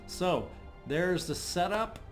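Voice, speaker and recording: A gaming channel host talks through a strategy game off the cuff, his slightly scratchy voice sitting high and animated but slow. Hesitant and clearing his throat, he reasons aloud while video game music plays behind him.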